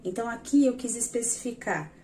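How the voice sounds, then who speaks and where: A woman's voice: on the high side, fairly quick, warm tone, slight background noise. A woman teaching a lesson, patiently explaining examples step by step and talking directly to her viewers. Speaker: educational psychologist teaching. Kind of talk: explanatory lesson over slides.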